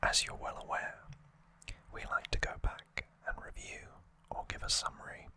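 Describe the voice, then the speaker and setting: Whispering without voicing, an ASMR host delivers a trivia summary slowly, breathily and with hushed, measured care.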